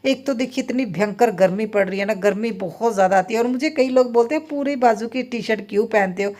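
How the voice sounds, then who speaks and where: A woman's voice: a little high, fast talker, a little mellow. A woman in her thirties, a mother and vlogger, chatting through a casual voice-over about her day at home. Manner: chatty, rambling, many fillers. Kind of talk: casual voice-over vlog narration. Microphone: phone voice-over.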